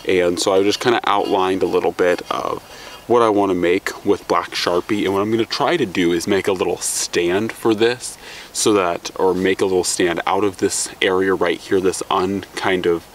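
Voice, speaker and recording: A man's voice: low-pitched, steady tone, moderate pace, a little hiss or hum. A young man chatting loosely through an outdoor how-to demonstration, seated in a woodland, recorded on a camera mic. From Alaska. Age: young adult. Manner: chatty and loose, with fillers and restarts. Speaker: outdoors vlogger.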